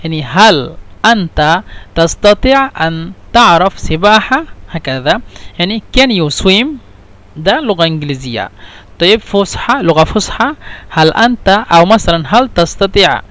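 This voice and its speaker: Sounding animated and fairly bright, this man's voice sits high as he teaches Arabic. Each phrase gets said slowly several times, glossed by moving between dialect, standard Arabic and English.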